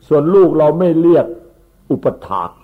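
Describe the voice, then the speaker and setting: A man, a monk, giving an unhurried Dhamma sermon that explains Pali terms and repeats his words. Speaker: Buddhist monk. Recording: tinny phone-like recording.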